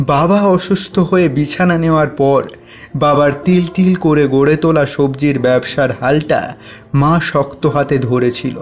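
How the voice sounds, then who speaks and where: Man, storyteller, horror audio story, dramatic, measured, slightly high voice, faint music. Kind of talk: scripted horror story narration.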